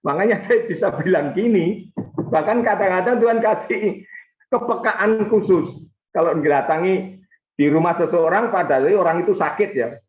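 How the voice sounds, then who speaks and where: Animated male preacher in an echoey room. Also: lo-fi sound. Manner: animated preaching with sudden rises in pitch and volume. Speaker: pastor. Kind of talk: sermon.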